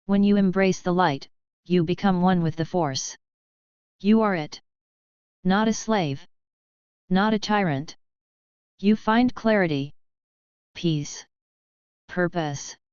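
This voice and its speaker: A woman voicing a gentle, quietly persuasive man in a fan-fiction audio story. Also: lowish voice, slow, long pauses, clear, resonant tone, no room sound. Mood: earnest. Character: gentle light-side man, calm persuader. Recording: slightly dull, dry recording.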